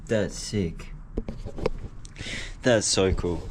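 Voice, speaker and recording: Young swearing Aussie travel vlogger. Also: male voice, low voice, drawn-out words. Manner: casual, swears a lot, jokey. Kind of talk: casual vlog narration. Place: exploring historic buildings and a cave, partly indoors. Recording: noisy handheld travel recording.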